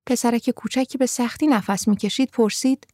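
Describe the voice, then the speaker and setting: A woman narrating a story in a calm, even reading voice. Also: a little high, no room sound, clean studio sound.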